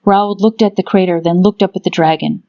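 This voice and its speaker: Low-voiced woman narrating fantasy. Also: fairly even intonation, fairly quick, highs cut off. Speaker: audiobook narrator. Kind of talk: scripted dramatic fantasy narration.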